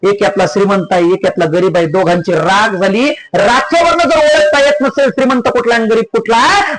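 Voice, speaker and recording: A man preaching a devotional kirtan sermon, telling stories and repeatedly questioning the crowd with rising, emphatic cries. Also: rough recording. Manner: repetitive call-and-response questioning of the audience, rising to high emphatic cries. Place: live village festival gathering.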